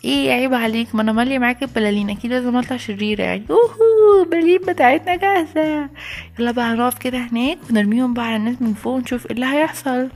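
A woman's voice: a little high, steady tone, rapid-fire, few pauses, soft background music, lightly acted. A woman with an Egyptian accent voicing a giggly, chatty schoolgirl accomplice in a toy play video. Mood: excited. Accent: Egyptian Arabic.

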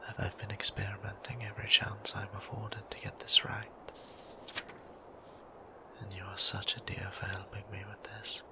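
In an ASMR roleplay, a man voices a gentle, formal vampire priest, whispering with courtly, old-fashioned politeness. His voice is fairly low and natural.

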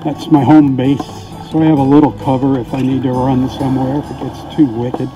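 A man reports from the beach in the rain, his medium-pitched voice flat and a little fast as music plays under him. The camera's mic, tucked inside a weatherproof housing, renders his voice tinny and muffled. He keeps things casual and folksy and signs off with blessings.

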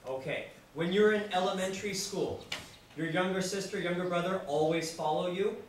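A man giving a classroom lecture to students, lively and acting out examples as he explains. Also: sits high, normal speed. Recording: very echoey room, distant mic, background noise.

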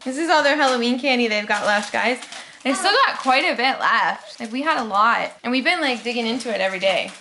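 A woman from Canada films her children at home, showering them with encouragement. Her voice is high and bright. A faint hiss sits under the recording. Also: animated, brisk. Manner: warm, encouraging talk to her kids. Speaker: vlogger, mother. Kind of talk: casual family vlog.

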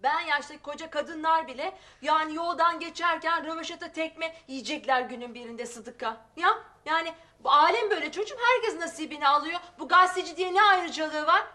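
A middle-aged actress playing a loud, gossipy, cold-hearted working-class mother in a sitcom, exclaiming and scolding, full of folksy sayings. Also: sits high, a little fast, few pauses. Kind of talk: sitcom acting.

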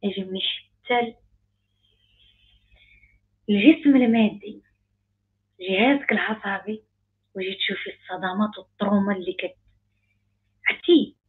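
A woman's voice: medium pitch, steady tone, normal speed, pauses often, breathy edge. A woman with a Moroccan accent, a life coach giving an emphatic online talk full of repeated phrases. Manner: emphatic, repetitive, rising intensity. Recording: tinny phone-like sound.

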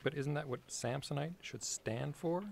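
A man's voice: on the high side, normal speed, creaky. A man voicing an earnest, insistent 1960s office-worker puppet in a comedic parody. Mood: defensive.

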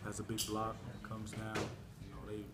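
A young male basketball player answering postgame questions in a crowded locker room, relaxed and often adding "man" and "you know". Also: on the low side, a little slow, very noisy. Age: young adult. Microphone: reporters' recorders and camera mics held close. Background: loud crowd chatter.

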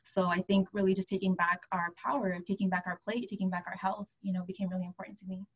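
A woman's voice: mid-range voice, flat delivery, quick pace, breathy edge. A woman speaking as a panelist on a video call from home, passionate and conversational. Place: home room, indoors. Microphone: webcam on video call. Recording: dull lo-fi call audio.

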